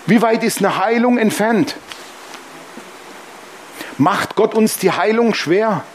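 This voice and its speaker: A man's voice: high-pitched, lively intonation, takes it slowly, slight background noise. A man preaching a sermon as pastor, emphatic and humorous, often calling out "Amen".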